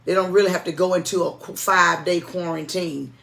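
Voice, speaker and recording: A woman's voice: on the low side, steady tone, a little fast, vocal fry, fairly bright tone. Folksy woman, church co-host. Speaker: church music director and co-host. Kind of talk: informal announcements and chat.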